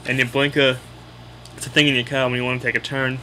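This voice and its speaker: A man's voice: mid-range voice, level tone, fast, noisy background. A man with a Boston accent casually explaining local slang in a blunt, opinionated, sweary way. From Boston area, United States.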